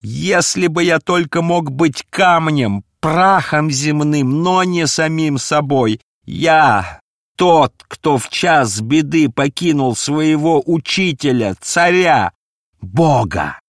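A man voicing an anguished, guilt-wracked male disciple who screams hoarsely in self-loathing. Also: medium pitch, big pitch swings, slow, no echo, clean studio sound, pitched above the performer's own voice, full character voice. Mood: despairing wails. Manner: wailing, self-loathing outbursts.

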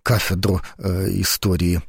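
A man's voice: sits low, little pitch movement, a little slow, slightly rough, no echo, studio quality. A man in his forties, a guest lecturer on a radio talk show, speaking thoughtfully with frequent fillers. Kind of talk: radio interview. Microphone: studio microphone.

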